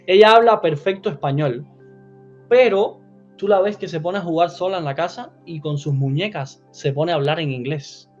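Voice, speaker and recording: A man in his forties speaks earnestly as an interview guest, acting out quotes with animation. His voice sits fairly high. The audio is a little dull, with faint music behind him. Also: moderate pace. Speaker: immigrant guest. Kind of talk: casual interview chat.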